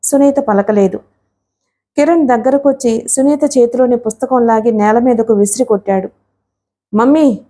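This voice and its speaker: Female audiobook narrator, slightly high, soft mellow tone, steady storytelling read. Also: moderate pace. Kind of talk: scripted narration of a novel.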